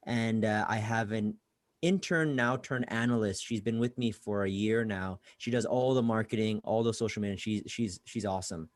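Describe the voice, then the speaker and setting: A man's voice: lowish voice, normal speed, no echo, clean studio sound. A man who was born in Bangladesh and grew up in California, a guest career coach talking casually in a podcast interview and often repeating words as he starts a sentence. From Bangladesh, raised in California.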